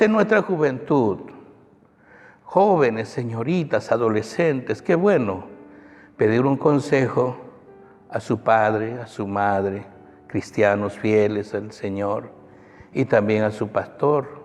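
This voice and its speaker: A man's voice: mid-range voice, a little mellow. A male pastor preaching a sermon in an emphatic way, often calling out to the brethren in a church. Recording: long church reverb, faint music.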